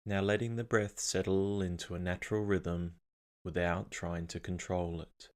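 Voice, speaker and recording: A meditation guide with a low voice narrates a guided meditation. His instructions come calm, soothing and unhurried.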